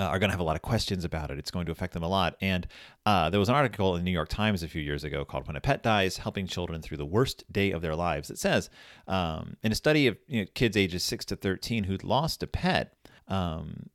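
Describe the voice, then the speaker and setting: A man's voice: deep voice, no room sound, clean studio sound. A man in his forties, reviewing a book in a casual chat and telling a rambling story, correcting himself as he goes. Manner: rambling, self-correcting, animated.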